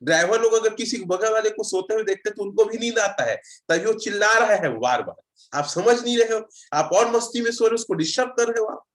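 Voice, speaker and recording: A man, pitched a little high, leads a relaxed online road safety session. He rambles through personal stories and reads out viewer comments as he goes. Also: a little fast. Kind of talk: casual online session talk.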